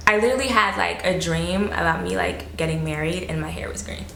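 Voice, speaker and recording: A woman's voice: on the low side, a little fast, creaky, a bit bright, echoey room, a little hiss or hum. A woman from South Florida, chatting loosely as an interview guest, full of fillers and casual swearing.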